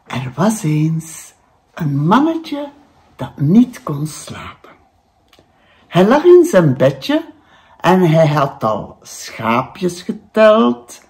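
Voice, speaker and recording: Oudere vrouw, trage voorleesstem. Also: female voice, medium pitch. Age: older. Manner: slow, gentle storytelling. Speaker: grandmother reading aloud. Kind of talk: bedtime story reading.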